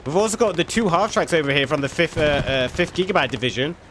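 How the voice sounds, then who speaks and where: A man's voice: a little high, animated, fast, a little hiss or hum. A man giving laid-back, chatty commentary on a multiplayer war game, swearing now and then. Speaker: gameplay commentator. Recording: loud game gunfire and vehicles behind.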